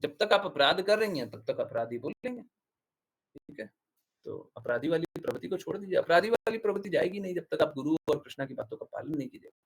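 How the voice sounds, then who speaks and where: A man's voice: a little high, animated, quick pace, husky, low-quality recording. A man acting as spiritual teacher, answering devotees' questions in a devotional class, emphatic and repetitive and fond of rhetorical questions.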